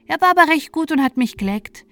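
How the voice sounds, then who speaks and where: Brief: a high, chirpy little peasant boy, cheeky and boastful, as a woman storyteller puts him on. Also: lively intonation, fast talker, bright, forceful tone, heavily acted. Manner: chirpy boastful dialect chatter.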